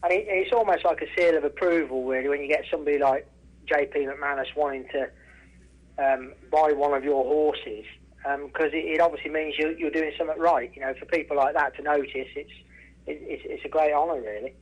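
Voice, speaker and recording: Brisk and steady, with a voice on the high side, an English man takes part in a casual radio-style phone interview. He's a racehorse trainer who used to ride as a jockey. He frequently starts over and repeats himself for emphasis.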